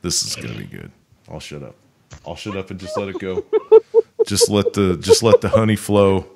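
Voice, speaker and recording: A man with a low-set voice that swings widely in pitch as he talks. He co-hosts a casual radio show and rants bluntly, swearing freely. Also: huge pitch swings, normal speed, vocal fry, a little mellow. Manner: blunt, profane, ranting. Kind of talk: casual talk radio banter.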